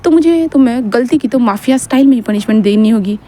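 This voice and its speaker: A woman's voice: on the high side, animated, fast talker, dark tone, lightly acted. A woman voicing a domineering male mafia teacher who gives teasing, bossy orders. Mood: commanding. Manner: commanding, teasing.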